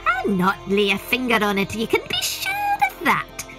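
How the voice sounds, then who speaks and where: A woman's voice: fairly high pitch, wildly swooping pitch, moderate pace, bright, forceful tone, soft background music, voice pushed up, heavily acted. A woman voicing a sly little old male leprechaun, wheedling and tricky.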